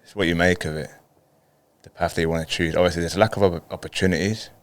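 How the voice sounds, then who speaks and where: A Colombian footballer in his thirties, a native Spanish speaker, appears as a podcast guest and tells personal stories in a casual way. His voice is low, with fairly even intonation and a quick pace.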